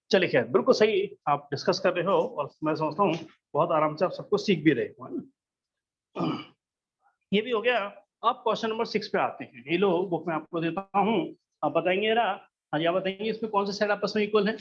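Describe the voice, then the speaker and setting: A man's voice: sits high, dull audio, a little hiss or hum. A man teaching a math class, patient and coaxing, often checking that students follow along. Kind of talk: classroom lesson.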